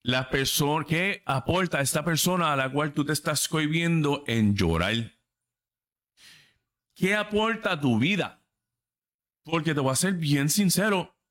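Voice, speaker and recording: A man's voice: a little high, animated, a little slow, long pauses, a bit bright. A man in his thirties talks straight to his listeners in a casual podcast. He is blunt and emphatic and swears freely. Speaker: podcast host. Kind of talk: casual livestream chat.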